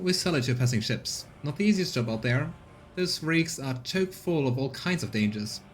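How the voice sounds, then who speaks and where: A man's voice: fairly high pitch, a little hiss or hum, voice pushed up, natural voice. A man voicing a tired, proud, plain-spoken woman who leads a scavenger camp in a game, folksy and deferential. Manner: earnest, folksy, deferential to nobility. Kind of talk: voiced role-play of game dialogue.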